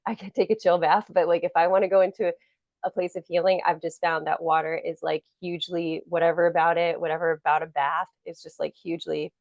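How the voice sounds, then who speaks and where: A woman's voice: on the low side, a little mellow, no room sound, highs cut off. A woman co-hosting a podcast in casual chat, rambling with lots of "like" fillers. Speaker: podcast co-host.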